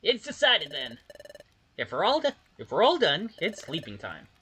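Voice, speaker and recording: Bright, lively player reading game dialogue. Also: medium pitch, moderate pace, husky.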